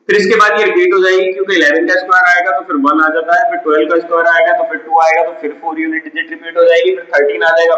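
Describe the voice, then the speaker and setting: A man's voice: a little high, sharp tone. A man teaching a math lesson step by step, often asking his students a question and answering it himself. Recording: echoey room, dull lo-fi sound.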